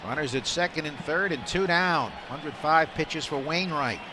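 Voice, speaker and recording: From a broadcast booth at an outdoor ballpark, a man calls a baseball game live on the radio as the play-by-play announcer. His voice is a little high and moves at a moderate pace, with steady stadium background noise throughout.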